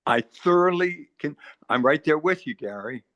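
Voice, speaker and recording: An eighty-five-year-old man in casual group chat, speaking haltingly with repeated words while earnestly giving advice. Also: on the high side, lively intonation, a bit bright, no echo, dull audio. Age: 80s. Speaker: meeting participant. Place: retirement community.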